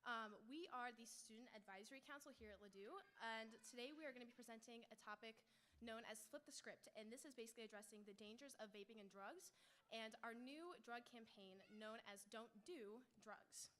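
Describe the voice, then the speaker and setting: A woman's voice: on the high side, fairly quick, fairly bright tone. A young woman in her late teens giving an informal public presentation as a student. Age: teens, high school senior.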